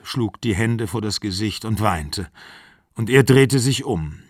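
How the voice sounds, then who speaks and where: A man calmly reading literary fiction aloud. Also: on the low side, dry recording, studio quality. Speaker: audiobook reader.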